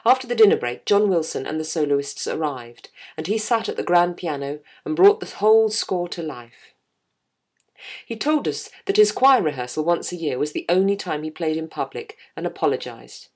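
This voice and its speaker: A woman with a notably low voice reads her story at an even, measured pace. Her delivery is wry and anecdotal, like a scripted podcast piece. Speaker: choir singer telling a story. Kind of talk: scripted narration.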